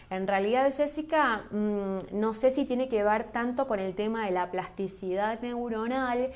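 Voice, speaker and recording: A woman with a slightly high, slightly mellow voice teaches a graphology class online. Chatty and enthusiastic, she answers chat questions along the way and tends to lose her thread.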